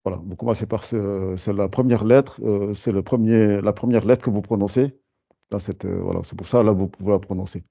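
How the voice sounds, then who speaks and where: A man's voice: on the low side, fairly even intonation, a little fast, gravelly, warm tone, muffled recording. A man teaching a lesson, explaining patiently with many fillers and restarts. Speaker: Quran recitation teacher.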